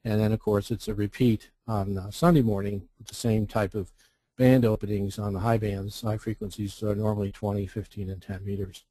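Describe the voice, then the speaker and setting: A man presents a webinar as an amateur radio contest representative, explaining things in an instructional way: he poses rhetorical questions and lists the options step by step. His voice is fairly low with little pitch movement, a dark tone, and a normal speed, recorded with no echo.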